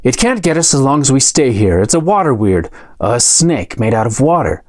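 Man reading young male adventurer, calm, resolute, matter-of-fact, lively pitch, storybook. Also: normal speed, no room sound, clean studio sound, lightly acted.

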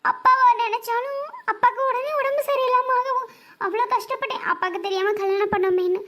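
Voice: very high-pitched, fairly even intonation, fast talker, pushed and bright. A performer voicing a tearful young bride, talking in sobbing complaints. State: crying. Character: tearful young bride facing a second marriage.

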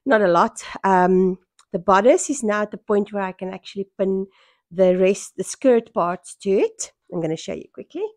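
A middle-aged South African woman with a hoarse voice worn by a cold, chatting casually in a home vlog. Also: medium pitch, animated, moderate pace, dry recording, clean studio sound. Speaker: sewing vlogger. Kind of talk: casual vlog chat to camera. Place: small furnished room at home, indoors. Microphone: small microphone held near the mouth.

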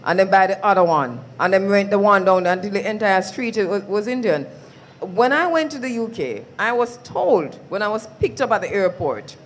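A Jamaican woman speaks as a radio presenter in a live discussion. She explains her points in an earnest, steady way at a middling pitch. A faint hiss of noise sits behind her voice.

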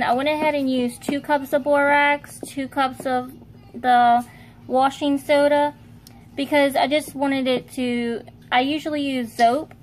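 A woman with a fairly high voice chats her way through a homemade how-to from her kitchen, rambling and correcting herself as she goes. She talks into a phone camera held over the stove. A faint hum of room noise sits behind her. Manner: chatty, rambling, self-correcting. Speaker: home video maker. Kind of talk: casual how-to demonstration. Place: home kitchen, indoors.

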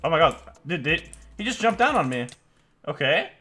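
A man's voice: fairly high pitch, sing-song, normal speed, pushed and bright, husky, faint music behind. A young man doing casual gameplay commentary as a video host, talking in a slangy frat-bro way peppered with dude and bro.

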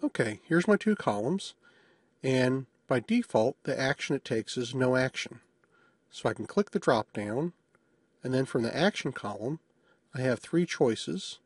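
Husky man narrating a software demo. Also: medium pitch, lively intonation, unhurried, no room sound. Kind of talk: screencast tutorial narration.

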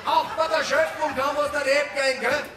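A man's voice: very high-pitched, little pitch movement, fairly quick, a crowd in the background. A man telling jokes in a carnival stand-up routine, acting out the people in his jokes. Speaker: carnival comedian. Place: carnival hall stage. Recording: echoey hall, live audience and music. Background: audience laughter and music.

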